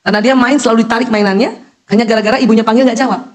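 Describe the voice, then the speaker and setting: A middle-aged woman doctor giving a lively parenting lecture, acting out calls and talking straight to the mothers listening. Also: fairly high pitch, rapid-fire. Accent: Indonesian. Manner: animated, acts out calls and quotes, talks directly to mothers in the audience.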